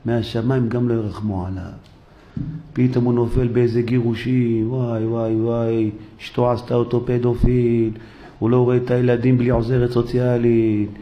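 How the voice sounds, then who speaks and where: A rabbi preaching to his congregation in a synagogue, recorded for a live broadcast. He tells his stories with energy and slips into the voices of the people he describes. His voice sits in a middle male pitch. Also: highs cut off. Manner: animated storytelling, acting out the people in his stories. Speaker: rabbi giving a sermon. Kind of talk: sermon.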